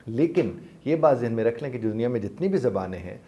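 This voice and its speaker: A man working as a life coach explains things patiently and politely, often addressing his listeners as sir. His voice sits mellow and warm at an ordinary middle pitch. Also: animated.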